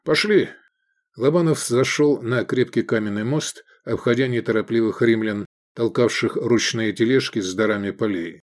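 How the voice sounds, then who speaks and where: In a mid-range voice, a man reads an audiobook aloud, his scripted narration measured and expressive.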